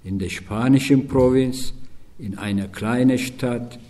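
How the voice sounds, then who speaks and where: Slow, dark-voiced man reading a memoir. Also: medium pitch. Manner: calm, measured, with occasional slips and restarts. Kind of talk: first-person memoir reading.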